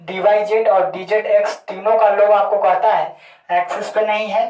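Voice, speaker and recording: A man lectures on chemistry at a steady, even pitch that hardly rises or falls. He keeps checking understanding by asking a term back and answering it himself. His voice sounds distant from the mic and carries a noticeable room echo. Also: normal speed. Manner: repeats key terms as questions to students. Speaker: chemistry teacher. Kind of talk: classroom lecture.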